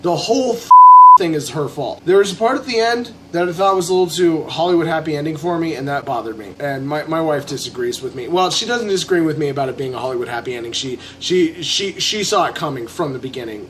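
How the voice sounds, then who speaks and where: A man's voice: fairly high pitch, lively intonation, quick pace, fairly bright tone, slight background noise, poor audio. A tipsy man giving a casual, opinionated video review, rambling with false starts and blunt, emphatic swearing. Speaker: amateur film reviewer.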